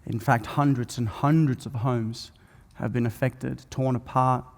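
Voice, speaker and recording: A man guides a conference audience through a breathing meditation. His voice sits at an everyday pitch, gentle and patient, with plenty of "uh" and "um". The sound carries a long reverb from a large event hall. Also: steady tone, gravelly. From Norway. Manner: soft, slow guiding voice with many fillers. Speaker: speaker guiding a breathwork session.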